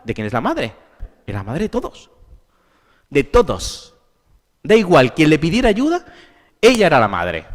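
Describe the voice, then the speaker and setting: Animated Spanish man lecturing in a hall. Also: medium pitch. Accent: Spain Spanish. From Spain. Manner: animated, emphatic, asks rhetorical questions. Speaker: therapist giving a symposium talk. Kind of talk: conference lecture. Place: conference hall.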